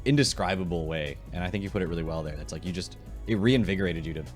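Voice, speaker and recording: A man's voice: sits low, quick pace, faint music behind. A young man interviewing a guest, asking enthusiastic, rambling questions in a casual chat.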